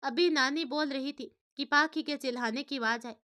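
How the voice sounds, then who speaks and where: A woman storyteller reads a family drama aloud. Her voice is high and bright, and her reading is steady and expressive. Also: normal speed. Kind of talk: scripted story narration.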